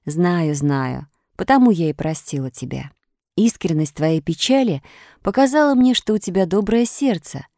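A woman voicing a kind, patient fairy in a calm, soft, instructive voice. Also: fairly low pitch, moderate pace, no room sound, studio quality. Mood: gentle.

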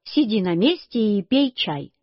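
A curt, scolding old grandmother from a children's storybook, as a woman reader puts her on. Her voice is husky and dry, close to the mic. The recording sounds muffled and lo-fi. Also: mid-range voice, sing-song, unhurried, no room sound. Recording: dull lo-fi recording.

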